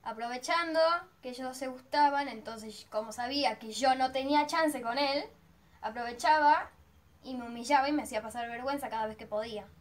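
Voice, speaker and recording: A woman's voice: sits high, fairly quick. A teenage girl with an Argentine accent telling a personal story in a chatty vlog, dramatically acting out her own reactions. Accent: Argentine Spanish. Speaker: vlogger.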